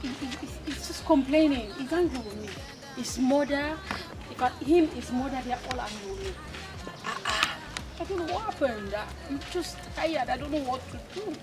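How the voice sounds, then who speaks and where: An actress playing an upset young wife who refuses to submit, pleading and defensive with stammering. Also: female voice, sits high, expressive, moderate pace. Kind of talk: Nollywood film acting. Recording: loud film music behind.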